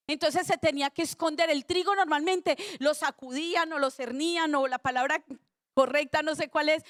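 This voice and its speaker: A woman's voice: sits high, fairly bright tone, no echo, clean studio sound. A woman preaching a sermon in church, telling stories with humor and asking the congregation rhetorical questions.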